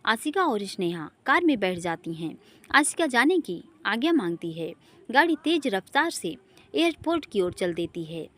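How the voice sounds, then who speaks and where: A woman's voice: medium pitch, sing-song, moderate pace, fairly bright tone. A woman narrating a scripted family drama story, reading every character's lines in her own voice.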